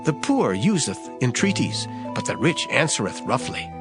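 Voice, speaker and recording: A man reading scripture aloud in a measured, solemn recitation. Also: mid-range voice, very animated. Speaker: scripture reader. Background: background music.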